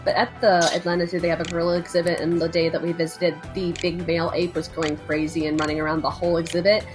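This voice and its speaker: A chatty woman with a somewhat low voice hosts a relaxed trivia stream. She rambles and laughs often as she talks. Soft music plays faintly behind her. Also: fast. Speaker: streamer hosting trivia night. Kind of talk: casual chat.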